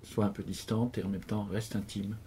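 A man interviewing an author, asking measured questions and reading passages aloud. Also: on the low side, flat delivery, warm tone, husky.

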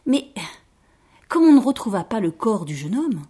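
A woman reading children's tales aloud, expressive and dropping to a hush at tense moments, with a breathy voice. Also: fairly high pitch, moderate pace. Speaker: storyteller.

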